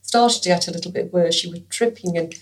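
A woman, a former nurse speaking softly and hesitantly in an interview. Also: lowish voice, brisk. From England. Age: 60s. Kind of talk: conversational interview.

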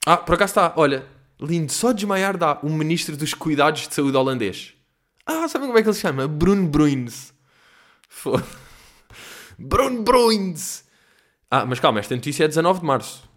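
A man with a European Portuguese accent hosting a solo comedy podcast from home, rambling and swearing, jumping between loud outbursts and low mutters. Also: sing-song, fast talker. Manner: profane, digressive, mixes in English phrases. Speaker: podcast host. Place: at home in quarantine.

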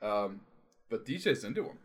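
A man's voice: lowish voice, lively intonation, moderate pace. A man from Canada co-hosting a casual podcast chat, joking and laughing easily as he rambles through a recap. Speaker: podcast co-host.

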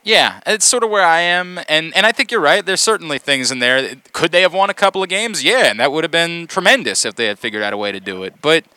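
A man's voice: a little high, expressive, fast talker, few pauses, sharp tone, clean tone, no room sound. A man hosting sports radio in a casual, rambling way, repeating words as he thinks aloud. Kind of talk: casual, conversational sports talk. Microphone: close studio microphone.

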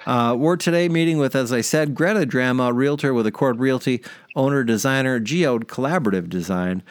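A man's voice: mid-range voice, a little fast, clean tone, no echo, clean studio sound. A man hosting a podcast in casual chat, talking in a chatty, rambling way with fillers. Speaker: podcast host.

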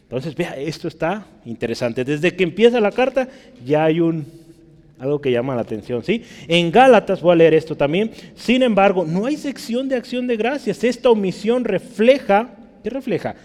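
Man, fairly high voice, Bible class lecture, keeps asking listeners to confirm, long room reverb. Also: sing-song, moderate pace, a little mellow. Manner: checks in with listeners, asking "¿verdad?" and "¿sí?"; spells out Greek words syllable by syllable. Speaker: Bible teacher.

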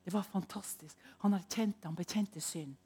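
A woman preaching in a testimony style, telling stories with loud emphasis and hushed, whispered asides. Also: on the low side, husky. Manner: animated storytelling, swings between loud emphasis and hushed whispers.

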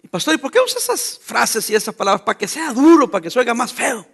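A man preaching a lively sermon as pastor, talking straight to his congregation. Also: very high-pitched, quick pace, creaky, breathy edge.

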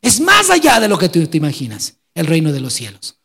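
A pastor preaching a dramatic sermon, swinging from loud exclamations to hushed storytelling. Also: male voice, a little high, wildly swooping pitch, brisk, vocal fry, slightly rough, big-room sound.

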